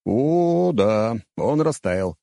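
A man's voice: medium pitch, big pitch swings, extremely slow, vocal fry, dark tone, no echo, clean studio sound, voice pushed up, exaggerated voice. A man voicing a confident, teasing young male mage in an audiobook, smug and wry.

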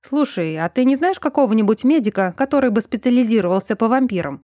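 A woman reading the part of a gruff male detective who makes dry, laconic remarks. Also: a little high, lively intonation, fast, warm tone, dry recording, natural voice.

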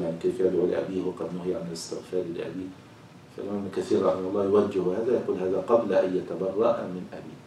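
A very deep, dark-toned man gives a Quran commentary lesson. He recites each verse slowly, then explains it in plain talk. His voice comes from a distance in a very echoey room with faint noise behind. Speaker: Quran teacher. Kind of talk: tafsir lesson. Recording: echoey room, voice far from mic.

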